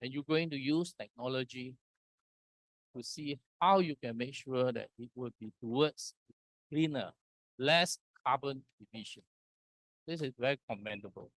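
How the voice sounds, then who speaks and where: A man from Singapore giving a conference presentation, walking through slides in slow, deliberate short phrases. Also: mid-range voice, fairly bright tone, no echo. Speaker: conference speaker. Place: conference hall.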